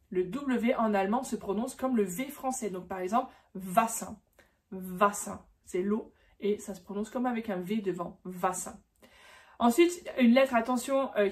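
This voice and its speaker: A woman giving a casual pronunciation lesson, demonstrating sounds slowly and repeating words with frequent fillers. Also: fairly high pitch, a little mellow. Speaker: German teacher.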